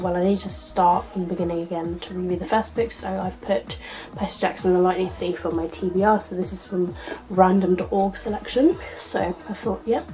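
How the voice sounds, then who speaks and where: A woman with a gravelly, husky voice, hoarse from illness, chatting casually and upbeat to her viewers as a vlogger. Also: mid-range voice, darkish tone, rough recording. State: hoarse from being ill. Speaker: book vlogger hosting own channel.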